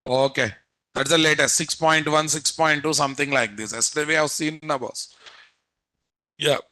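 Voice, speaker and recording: A man's voice: on the high side, steady tone, moderate pace, sharp tone. A man with an Indian Telugu accent giving a live technical lecture, prodding students with repeated questions. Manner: prodding, repetitive rhetorical questions. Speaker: programming instructor.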